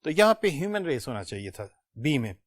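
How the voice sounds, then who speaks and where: Male english tutor, slightly high voice, dry close sound, step-by-step explaining. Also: big pitch swings, a little fast, no room sound. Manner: explains grammar step by step, asks students questions. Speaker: test-prep English teacher. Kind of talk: exam question walkthrough lesson.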